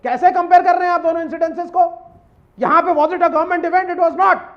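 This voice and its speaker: A man's voice: very high voice, steady tone, moderate pace, lo-fi sound. A man on a TV news debate panel, combative and talking over the others. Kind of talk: heated TV debate.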